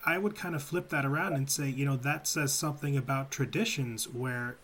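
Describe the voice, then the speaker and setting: A man of medium pitch appearing as an author guest on a book panel. He explains his points in a thoughtful, mildly wry way. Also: fairly quick, fairly bright tone, slight background noise. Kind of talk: casual group chat.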